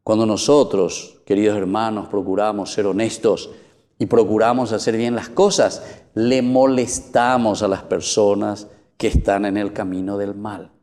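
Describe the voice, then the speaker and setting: A man's voice: lowish voice, a little mellow. A man with a Paraguayan accent, a priest giving an emphatic sermon that rises to exclamations. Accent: Paraguayan Spanish. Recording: long church reverb.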